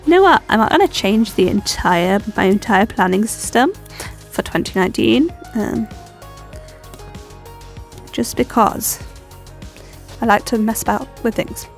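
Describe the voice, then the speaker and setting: A young woman with a stuffy cold, a planner vlogger, chats and rambles through a plan-with-me video as she decorates her planner, filling it with lots of ums. Her mid-range voice is expressive and gravelly, moving at a measured pace. Soft music plays in the background.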